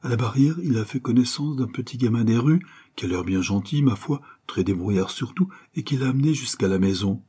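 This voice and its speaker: A man reading an audiobook, voicing a voluble, kindly older woman who runs a boarding house, gushing and effusive with breathy asides. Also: mid-range voice, expressive, a little fast, dark tone, pitched above the performer's own voice. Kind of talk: audiobook character voice.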